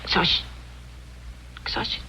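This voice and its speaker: A doting young wife in an old film. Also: female voice, on the low side, expressive, fairly quick, low-quality recording. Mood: tender. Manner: tender, softly spoken, then anxiously pressing. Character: affectionate young wife eager for a vacation. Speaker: investigator's wife. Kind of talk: 1950s film dialogue. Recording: hissy old film soundtrack.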